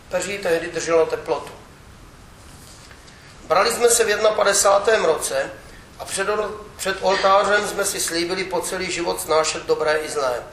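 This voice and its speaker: A man reading a memoir aloud with steady, wry storytelling. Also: sits high. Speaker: reader. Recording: echoey room with faint background noise.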